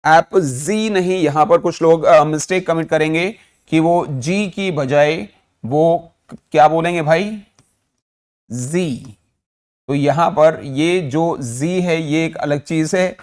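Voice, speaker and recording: Slow, higher-voiced Indian English teacher. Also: male voice, darkish tone. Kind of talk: vocabulary lesson.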